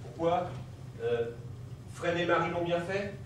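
A man's voice: high-pitched, lively intonation, slow, noisy background. An actor playing a teasing, chatty man on an amateur stage, recorded from far off in an echoey hall. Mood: joking. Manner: teasing, chatty, laughs easily. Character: jovial, blunt middle-aged man in a therapy waiting room. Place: theatre stage.

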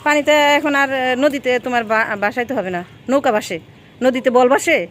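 A woman with a high, light voice speaks in a casual, coaxing way, full of questions and gentle instructions. She records outdoors by the water on a handheld phone. A faint outdoor hum sits behind her. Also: a little fast. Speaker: vlogger. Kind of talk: casual vlog talk with a child.

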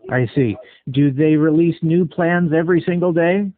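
Skeptical and blunt, a man questions a scam caller he's deliberately leading on. His voice is on the high side and his speed normal, all heard through a tinny narrowband phone connection.

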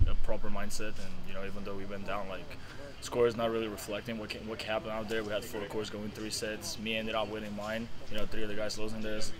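A man's voice: lowish voice, noisy background. A young man, a college tennis player, giving a casual post-match interview outdoors at night by the courts, earnest and full of fillers. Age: young adult.

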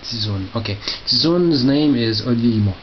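A middle-aged record collector shows off his collection in a small tiled indoor room by storage crates, reading out titles and muttering asides in casual, halting commentary with lively intonation. He holds the camera himself, and its low-grade audio is muffled and noisy with clicks.

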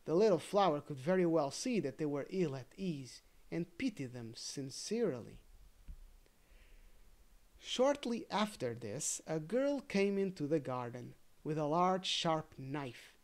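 Speaking unhurriedly in a medium-pitched voice, a storybook reader narrates a fairy tale with careful, gentle expression and occasional casual asides.

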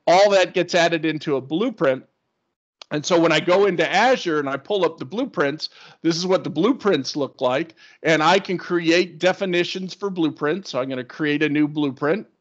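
A man's voice: fairly high pitch, moderate pace. A man presenting a screen-share tech webinar, explaining in an enthusiastic, conversational way. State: hiccups. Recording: dull lo-fi webinar audio.

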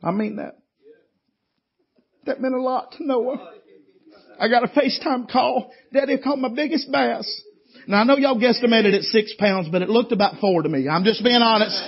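A man's voice: high voice, moderate pace. A male preacher, telling a folksy story in a sermon. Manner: folksy, animated storytelling with laughs. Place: church meeting. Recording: dull lo-fi church audio.

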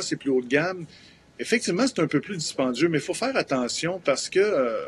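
Québécois man in his fifties, hesitant explainer on a remote TV link, faint hiss behind. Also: medium pitch. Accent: Québécois French. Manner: hesitant, many fillers, explanatory. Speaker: event promoter. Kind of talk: live TV interview. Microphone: remote video link.

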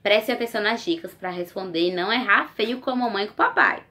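A woman teacher, talking young children through a lesson in a slow, coaxing, sing-song way and checking in with them often. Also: mid-range voice, pushed and bright. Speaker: primary school teacher.

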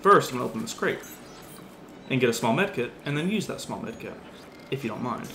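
A man doing let's play commentary on a horror game, excitable and jumpy, swearing often. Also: medium pitch, a little fast. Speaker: gaming video host. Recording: roomy with steady background noise.

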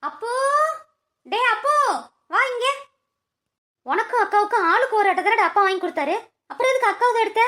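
A short-tempered village mother in a cartoon, voiced by a woman, who is always scolding her bickering children. Her voice sits very high and sounds sharp. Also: lively intonation, fast talker, pauses often. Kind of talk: cartoon voice-over.

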